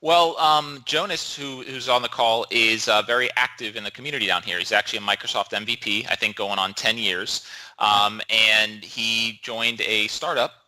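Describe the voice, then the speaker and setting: A man's voice: lowish voice, fairly even intonation, moderate pace, pushed and bright, poor audio. A man as a guest on a tech show, easygoing and agreeable, chatting casually. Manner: easygoing, brief agreeable replies. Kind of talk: casual interview chat.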